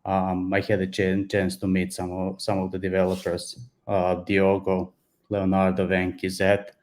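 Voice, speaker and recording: A man with a Serbian accent introduces himself on a video call. His voice sits very low and stays almost completely flat. His delivery is halting, with repeated words and restarts. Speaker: software developer introducing himself. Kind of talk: online meeting self-introduction.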